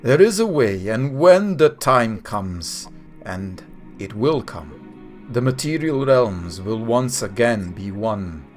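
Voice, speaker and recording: Stern wise archangel, formal and slow, played by a man at the table. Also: lowish voice, lively intonation, faint music behind, voice pushed down. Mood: solemn. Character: grave ancient male archangel, wise and stern.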